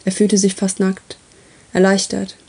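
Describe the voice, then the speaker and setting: A woman reading a story aloud as its narrator, with steady, even delivery. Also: mid-range voice, a little slow, slightly rough.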